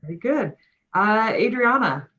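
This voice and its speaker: A woman's voice: a little high, lively intonation, a little slow, bright, forceful tone, highs cut off. A woman instructor calling on students one by one during an online class. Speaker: course instructor. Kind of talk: online class roll call. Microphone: video call.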